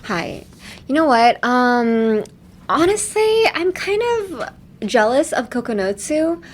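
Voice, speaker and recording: A very animated woman with a high voice takes her time as she hosts a casual language-lesson podcast and teaches phrases. She talks in a chatty, rambling manner with tangents.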